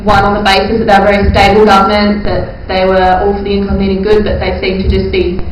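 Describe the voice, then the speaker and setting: Young woman, even-toned and hesitant panelist; echoey room, noisy background. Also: medium pitch, quick pace. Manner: hesitant, lots of ums and hedges. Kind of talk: mock press Q&A role-play.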